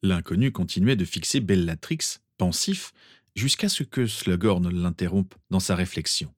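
A man narrating a fan-written story with expressive storytelling. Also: deep voice, normal speed, no echo, clean studio sound.

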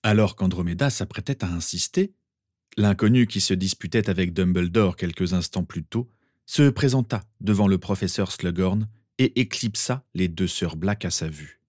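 A man narrating a fan-written story with expressive storytelling. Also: deep voice, normal speed, no room sound, clean studio sound.

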